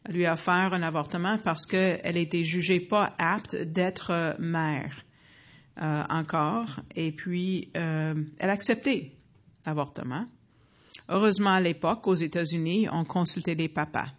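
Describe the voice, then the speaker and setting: An earnest woman in her fifties from the U.S. offers a faith testimony to an audience, stumbling through frequent fillers and restarts. Her voice is lowish, with fairly even intonation.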